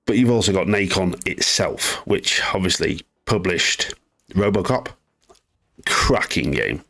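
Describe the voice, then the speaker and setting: A man with a very deep, low voice talks loosely through gaming news on a live stream. He wanders into asides and reads out messages from chat as he goes. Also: lively intonation, measured pace, vocal fry, a bit bright. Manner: chatty, reads chat aloud, rambling asides. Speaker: gaming news livestream host. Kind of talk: casual live-stream commentary.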